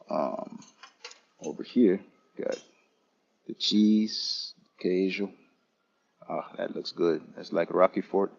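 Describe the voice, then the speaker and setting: Low gravelly man touring a lounge. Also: darkish tone, dull audio. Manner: casual, unhurried, talking to chat viewers. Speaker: travel vlogger. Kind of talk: live-streamed lounge walkthrough. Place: airport lounge.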